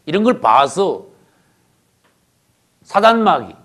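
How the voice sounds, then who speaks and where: Animated preaching man, swinging pitch. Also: slow pace. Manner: emphatic preaching with rhetorical questions; swings from loud outbursts to low murmurs. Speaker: pastor. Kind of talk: sermon.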